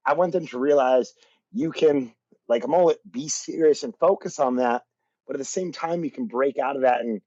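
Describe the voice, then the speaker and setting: A man's voice: medium pitch, darkish tone, no echo, highs cut off. A man who is a motivational speaker, talking earnestly as a podcast guest and using many fillers. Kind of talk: casual interview chat.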